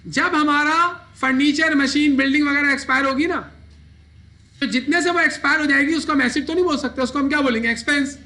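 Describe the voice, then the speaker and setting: Speaking briskly in a very high-pitched, bright and forceful voice, a man teaches an accounting class as its lecturer. The classroom lecture has him questioning his students and responding to himself.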